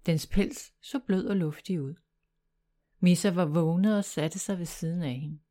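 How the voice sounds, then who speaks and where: A woman reading a children's bedtime story aloud in a calm, even storytelling manner. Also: fairly low pitch.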